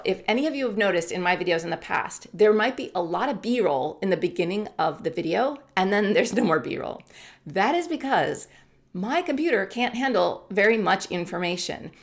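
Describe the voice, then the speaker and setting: A woman's voice: mid-range voice, fairly bright tone. A woman from the United States, in her forties, chatting candidly to camera as a YouTuber and laughing often. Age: 40s. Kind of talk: casual talk to camera.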